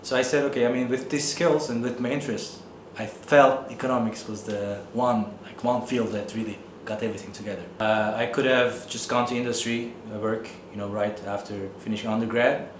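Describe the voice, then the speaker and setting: A man's voice: mid-range voice, steady tone, brisk, few pauses, echoey room, noisy background. A man in his thirties from Turkey with a Turkish accent, an economics professor answering interview questions thoughtfully, with many fillers.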